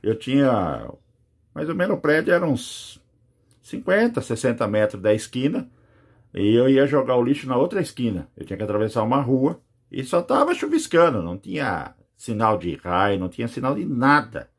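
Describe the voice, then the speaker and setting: At medium pitch and a moderate pace, a slightly rough-voiced Brazilian man swings his pitch widely while recounting a near-death experience. He has children, speaks with a Brazilian Portuguese accent, and his testimony rambles with many fillers.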